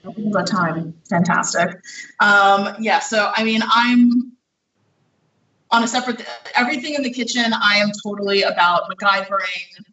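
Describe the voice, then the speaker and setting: A bright, chatty baker explains each step of a recipe while cooking, filling pauses with "um" and a hint of breathlessness. The voice sits back from the microphone in a roomy home kitchen with plenty of echo. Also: medium pitch, far from the mic, lo-fi sound. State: slightly out of breath. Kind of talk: live cooking demonstration. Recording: echoey kitchen, speaker away from mic.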